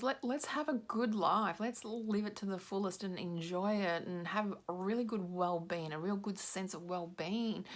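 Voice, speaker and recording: A woman in her forties giving a casual intuitive card reading, rambling and frank and swearing now and then. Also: mid-range voice. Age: 40s. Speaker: intuitive card reader and menopause mentor.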